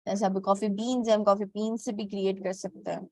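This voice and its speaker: A woman's voice: mid-range voice, flat delivery, fairly quick, mellow, dry recording. A woman teaching graphic design step by step, with a frequent "okay" between steps and English terms mixed into her speech. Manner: mixes English words into Hindi. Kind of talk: screen-recorded software tutorial.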